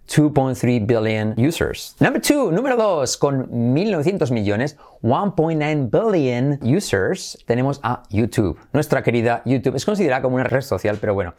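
Energetic bilingual teacher. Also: male voice, medium pitch, normal speed, hardly any pauses. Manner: energetic, repeats drill phrases, switches between Spanish and English. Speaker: English teacher, channel host. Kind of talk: bilingual English pronunciation lesson.

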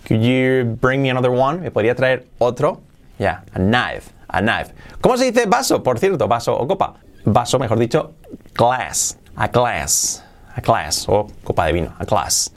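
Gravelly Spanish man teaching English. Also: medium pitch, sing-song. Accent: Spain Spanish. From Spain. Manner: repeats words slowly, switches between Spanish and English. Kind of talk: casual spoken lesson.

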